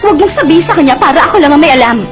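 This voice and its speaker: A woman's voice: high-pitched, animated, racing. An actress playing a spoiled, jealous rich young girlfriend, whiny and demanding, mixing in English, in a dubbed drama. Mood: petulant, bossy. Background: music.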